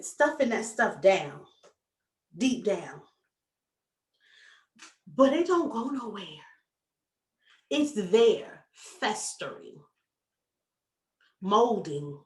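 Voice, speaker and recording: Animated woman coach in an echoey room. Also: mid-range voice, takes it slowly, long pauses, recorded from a distance. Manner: animated, talks to the audience as "y'all", folksy. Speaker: success coach. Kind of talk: motivational talk.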